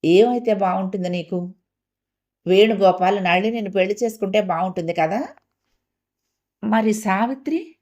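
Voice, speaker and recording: A woman's voice: medium pitch, fairly even intonation, normal speed, a little mellow, close to an everyday voice. A woman voicing a tired, ironic older sister who asks dry, sceptical questions in an audio story.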